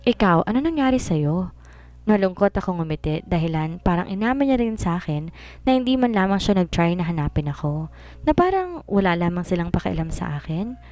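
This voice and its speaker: Lowish-voiced woman narrating a story. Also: very animated, a little fast, a little mellow. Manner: earnest, emotional storytelling. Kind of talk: first-person story narration.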